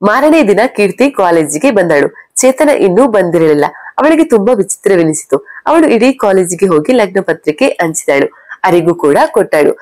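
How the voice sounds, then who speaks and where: A woman storyteller reads a serialized family drama in a steady, scripted manner. Her voice sits at an ordinary middle pitch. The recording is dry and close, with no room sound. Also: normal speed, dry recording. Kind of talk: scripted narration.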